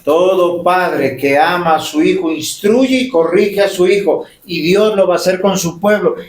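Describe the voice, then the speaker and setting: Emphatic pastor, high voice, roomy church. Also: male voice, normal speed, slight background noise. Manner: emphatic preaching with rhetorical questions. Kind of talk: sermon. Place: church sanctuary.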